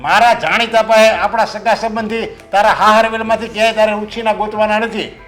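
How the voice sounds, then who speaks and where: A man's voice: sits high, steady tone, brisk, a bit bright, soft background music. An actor playing a stern, hardworking father who lectures his idle son.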